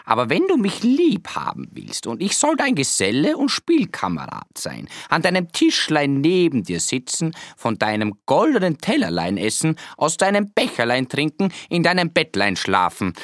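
A woman reading a fairy tale aloud and voicing a pleading, sly male frog in a deep, drawn-out croak. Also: wildly swooping pitch, no echo, clean studio sound, heavily acted. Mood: bargaining. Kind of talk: storybook reading.

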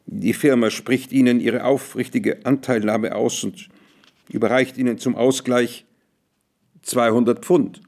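Stammering nervous messenger, voiced by a narrator. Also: male voice, medium pitch, steady tone, a little slow. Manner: stammering, hesitant, then quiet.

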